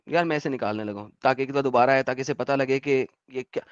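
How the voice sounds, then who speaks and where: A man's voice: medium pitch, smooth, no echo, muffled recording. A man hosting a livestream debate, impatient and sarcastic, dropping English phrases into his talk. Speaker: debate host.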